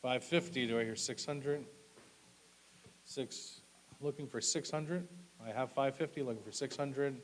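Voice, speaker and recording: A man's voice: medium pitch, a little slow, long pauses, rough recording. A man working as an auctioneer at a live auction, calling bids and lots in short, clipped, repetitive phrases with polite asides. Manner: repetitive, clipped bid calls with polite thanks. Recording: clearly audible background hiss.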